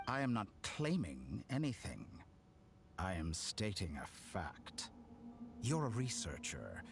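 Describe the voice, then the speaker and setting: An actor playing a smug, theatrical villain scientist in a video game, polite yet mocking and grandiloquent. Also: male voice, lowish voice, huge pitch swings, takes it slowly, gravelly, slight background noise, exaggerated voice. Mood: haughty, assured.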